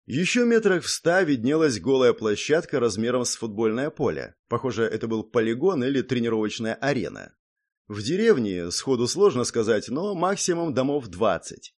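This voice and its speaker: A man narrating a first-person audiobook. His delivery is steady and matter-of-fact, and his pitch moves in a lively way. Now and then he drops in a wry aside. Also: moderate pace.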